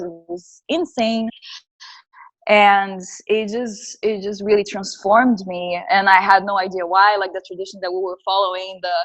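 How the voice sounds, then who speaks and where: Speaking in a mid-range voice over a rough recording, this guest on a podcast is a woman from Brazil with a Brazilian Portuguese accent. In a casual interview, she reflects earnestly on her own journey and shares it as a personal story.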